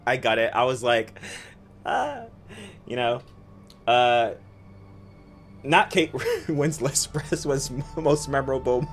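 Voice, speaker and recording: A gaming streamer chatting casually while playing, telling stories excitedly and talking to the chat. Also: medium pitch. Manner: excitable, giggly storytelling, talks to chat.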